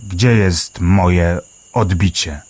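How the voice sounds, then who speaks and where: A plodding, puzzled many-legged bug, voiced by a man in a children's audio story. He mumbles in a low, slow voice. Each line drags along unhurried. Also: darkish tone, exaggerated voice.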